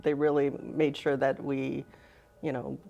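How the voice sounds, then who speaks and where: Middle-aged woman, low voice, casual interview guest, easy laugher. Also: flat delivery, measured pace, vocal fry, dark tone, lo-fi sound. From Philippines, raised in Southern California. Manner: chatty, laughs easily, trails off with "you know". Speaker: guest, fashion design instructor.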